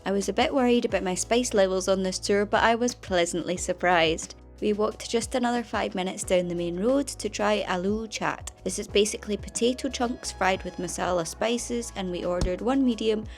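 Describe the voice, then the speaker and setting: A woman's voice: mid-range voice, moderate pace, few pauses, faint music behind. A young Scottish woman narrating her travel vlog in an upbeat, chatty way. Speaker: travel vlogger.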